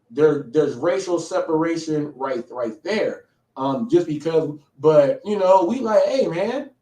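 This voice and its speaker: Hosting a live show, a man in his late thirties offers rambling, casual commentary peppered with "okay?" check-ins. He has a fairly high, darkish voice, and the sound is echoey with the microphone a little distant.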